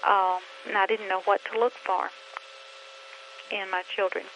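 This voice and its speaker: A middle-aged woman with a voice of ordinary pitch for a woman, explaining to parents in an earnest, measured way. She poses a string of questions and pauses now and then to think. A faint noise sits under her voice. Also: level tone, fairly bright tone, lo-fi sound. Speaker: reading teacher trainer. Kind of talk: instructional talk to parents.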